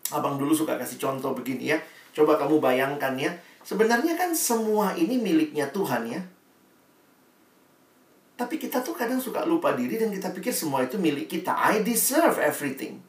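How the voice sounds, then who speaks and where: A man preaching a lively sermon who acts out the characters in his illustrations with big swings of voice. His sound is roomy and echoey, as if he is a little way off the mic in a church hall. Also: fairly high pitch, a little fast, far from the mic. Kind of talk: sermon with storytelling.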